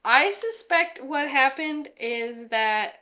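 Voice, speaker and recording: A woman's voice: high voice, expressive, slow pace, bright, forceful tone. A woman in a casual reaction chat who speaks hesitantly and gets playfully defensive.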